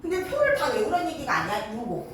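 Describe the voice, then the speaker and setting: A woman teaching a middle school grammar lesson, lively and coaxing, checking in with her students again and again. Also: sits high, quick pace, a little hiss or hum. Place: classroom. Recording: echoey classroom, mic far off.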